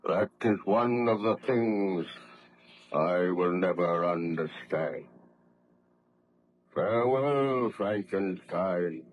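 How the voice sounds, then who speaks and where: A man's voice: low-pitched, drawn-out words, long pauses, highs cut off. An actor playing a lonely, vengeful man-made monster in a solemn, formal, pleading manner in a 1930s radio horror play. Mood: sorrowful, resigned. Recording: noisy old 1930s radio recording.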